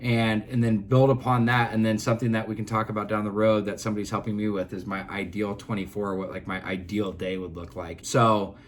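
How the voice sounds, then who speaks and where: Low-voiced man, earnest rambling podcast co-host. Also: flat delivery, brisk, few pauses, slight background noise. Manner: rambling, earnest, many fillers and restarts. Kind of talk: casual chat.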